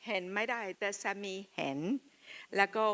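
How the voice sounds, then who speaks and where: A woman who is not a native speaker of Thai gives a personal testimony as a missionary speaker, speaking in short, halting phrases of simple Thai and pausing for an interpreter. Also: mid-range voice, fairly bright tone.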